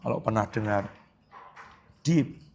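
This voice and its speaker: Gravelly-voiced male pastor preaching. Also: on the low side, slow pace, darkish tone, slight background noise. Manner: conversational preaching, asks the congregation questions. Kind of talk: sermon.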